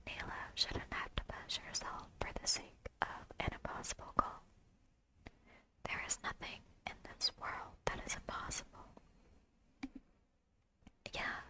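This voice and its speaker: Video game dialogue is read aloud by a woman in a close-mic ASMR whisper that is breathy, gentle, and measured.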